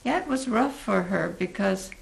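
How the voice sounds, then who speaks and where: An American woman in her eighties from Oregon looks back on her life in an oral history interview. Her medium-pitched voice is gravelly, creaky and expressive. She speaks haltingly and deliberately, pausing to think.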